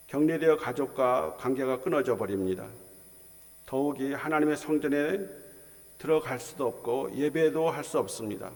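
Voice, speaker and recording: A male pastor delivering a sermon, slow and measured, with frequent filler sounds between phrases. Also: mid-range voice, gravelly, big-room sound. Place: church sanctuary.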